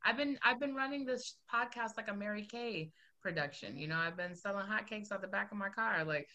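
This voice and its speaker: A woman's voice: mid-range voice, brisk, sharp tone. A woman hosting a podcast, talking candidly and emotionally, laughing often as she speaks. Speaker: podcast host. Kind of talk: casual podcast conversation.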